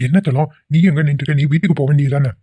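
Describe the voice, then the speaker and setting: A man voicing a cartoon husband and village head, with flat, anxious muttering. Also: fairly high pitch, rapid-fire, breathy edge, soft background music. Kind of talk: cartoon voice acting. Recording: dull lo-fi audio.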